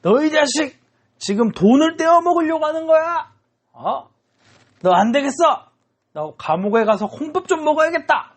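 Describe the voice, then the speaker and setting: A man voicing a hot-tempered bald middle-aged male debtor in a children's sermon story, shouting and jabbing his finger at someone. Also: extremely high pitch, expressive, slow pace, hardly any pauses, voice pushed up, exaggerated voice. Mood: angry shouting.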